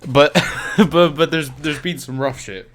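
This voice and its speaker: A man's voice: fairly high pitch, steady tone, a little slow, fairly bright tone. Young guy cohosting, nasal stuffy cold voice, rambles and stumbles a lot. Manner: rambling, stumbles over words. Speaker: podcast co-host. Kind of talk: casual podcast chat.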